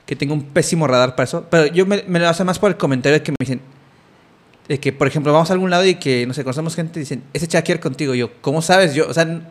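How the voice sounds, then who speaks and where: A man's voice: fairly high pitch, rapid-fire. A young man with a Mexican Spanish accent, telling a story in casual chat, rambling with many fillers and restarts.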